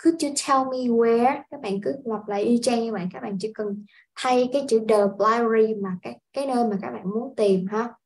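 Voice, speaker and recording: A woman from Vietnam teaching a casual language lesson, explaining step by step in an unhurried way with frequent filler sounds. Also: fairly high pitch, steady tone, darkish tone, low-quality recording. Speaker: English teacher.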